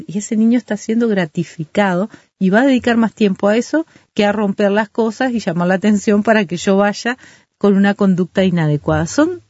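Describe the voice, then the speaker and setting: Woman, measured expert guest, lots of examples; dry, muffled lo-fi sound. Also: mid-range voice, dark tone, no room sound. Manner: measured, explains with everyday examples. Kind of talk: calm explanatory talk.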